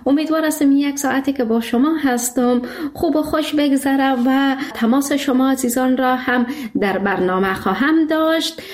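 A woman with an Afghan accent hosting a radio phone-in in a courteous, friendly, conversational way. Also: high voice. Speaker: radio programme host.

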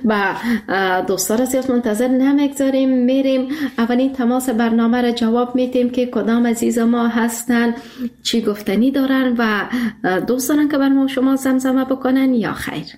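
A woman's voice: fairly high pitch, steady tone, a little mellow. A woman with an Afghan accent hosting a radio phone-in in a courteous, friendly, conversational way. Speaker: radio programme host.

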